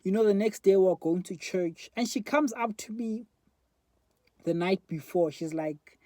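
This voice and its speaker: A man's voice: high voice, moderate pace, warm tone, no echo. A man in his twenties with a South African accent, rambling candidly to a phone camera in a casual reflective monologue. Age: 20s. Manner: rambling and candid, many fillers. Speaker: vlogger. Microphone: phone front camera.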